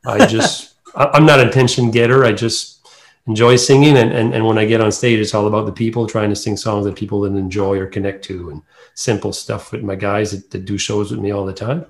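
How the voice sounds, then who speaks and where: A man's voice: on the low side, steady tone, fairly quick, gravelly. A middle-aged man from New Brunswick with an Acadian accent, answering interview questions in a casual, rambling way as a singer. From New Brunswick, Canada. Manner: rambling, loosely strung clauses.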